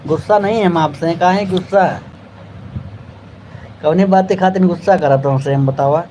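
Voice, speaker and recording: A man's voice: fairly high pitch, normal speed, warm tone, a little hiss or hum, low-quality recording. A man with an Awadhi accent hosting a casual live stream, chatting with viewers and thanking them by name.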